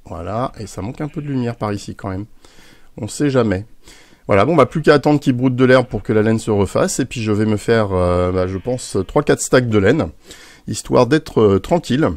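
A man's voice: medium pitch, normal speed, a little mellow, dry recording. A man hosting a game building tutorial, chatty and hesitant, with frequent fillers. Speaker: video game tutorial host. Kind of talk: screen-recorded game tutorial.

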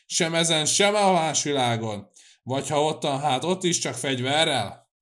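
A man voicing an angry, proud old nobleman who shouts and snaps in an audiobook. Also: medium pitch, lightly acted. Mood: furious. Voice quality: shouting, bristling. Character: furious old nobleman, one-handed, proud.

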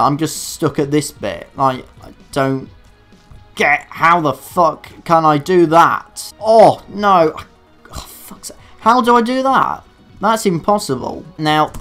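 A man commentating his own gameplay in a dark room, swearing at his failures and making sarcastic, self-mocking asides. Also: fairly high pitch. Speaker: let's play gamer. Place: dark room alone at a computer.

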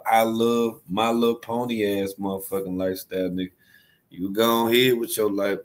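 A low-pitched man hosts a reaction commentary with a mocking edge. He rants in slang and breaks into loud laughter. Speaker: host.

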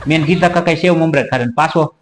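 A man's voice: on the high side, fast, very noisy. A man telling a rustic village comedy story, chatty and laughing often. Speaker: comic storyteller.

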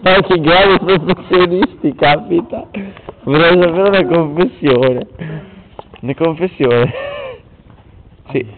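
A young man's slow, somewhat high voice leads a mock interview for fun, complete with frequent laughter and a put-on announcer tone. It's a late-night home video recorded in a room, and the audio is tinny, lo-fi, and heavy with hiss.

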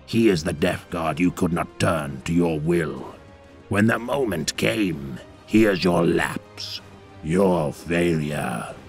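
A man's voice: low voice, lively intonation, slow pace, faint music behind, exaggerated voice. A man doing a gurgling, scheming war captain. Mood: insinuating. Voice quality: gurgling, husky. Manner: sly, insinuating. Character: scheming diseased male war captain, sly and ambitious. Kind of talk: audiobook character voice.

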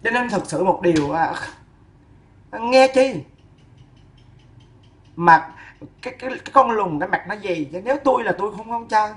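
A woman's voice: mid-range voice, animated, moderate pace, pauses often. A woman scolding someone in a fierce, insulting, sing-song rant. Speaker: woman ranting at a neighbor. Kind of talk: ranting scolding monologue.

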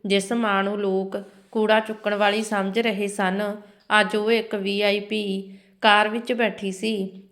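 Woman reading a moral story out loud, steady and even, mid pitch, not much melody. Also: unhurried. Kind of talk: scripted narration.

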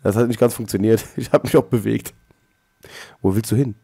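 A man hosting a Let's Play, chatting casually with a co-op partner, excitable and joking, often exclaiming. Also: fairly low pitch, a little fast, creaky, slightly rough, no echo, studio quality. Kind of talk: casual co-op gaming chat.

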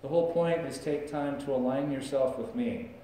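A man's voice: medium pitch, moderate pace, warm tone, recorded from a distance, slight background noise. A middle-aged man preaching a sermon as pastor, talking in a conversational way and gesturing as he speaks. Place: church sanctuary, large indoor room. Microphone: far camera, no visible mic. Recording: echoey church recorded from afar.

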